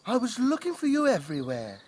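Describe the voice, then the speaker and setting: A man's voice: very high-pitched, wildly swooping pitch, fairly quick, pitched above the performer's own voice, full character voice. A man voicing a fussy, caring mother hen in a storybook reading.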